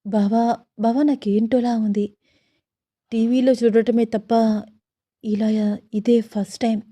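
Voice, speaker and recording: A woman's voice: a little high, steady tone, unhurried, dark tone, dry recording. A woman voicing a shy, nervous young newlywed wife who sounds coy and pleading.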